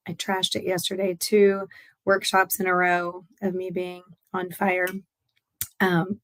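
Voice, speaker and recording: A woman with a raspy voice, recovering from laryngitis, hosting an upbeat, chatty solo talk as an astrology business coach. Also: mid-range voice. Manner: upbeat, chatty, with fillers and restarts. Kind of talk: casual solo talk to camera.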